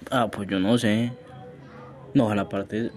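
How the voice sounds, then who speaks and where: A man's voice: fairly low pitch, steady tone, slow, crowd noise. A man in his late teens with a Colombian accent, trading crude, slangy jokes in casual banter.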